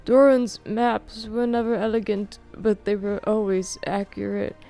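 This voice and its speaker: A woman voicing an excitable, frail old male scholar who lectures eagerly, her voice pitched well above her own. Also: measured pace, vocal fry, faint music behind. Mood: eager lecturing.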